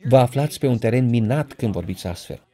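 A man preaching a sermon, speaking directly to his listeners with questions and building to loud, emphatic peaks. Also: medium pitch, lively intonation. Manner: emphatic, rises to loud passionate peaks when quoting; addresses the congregation directly with questions.

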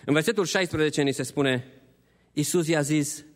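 A man preaching an Easter sermon as a pastor, passionate, shifting between hushed appeals and high pleading. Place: church hall. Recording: long church hall reverb.

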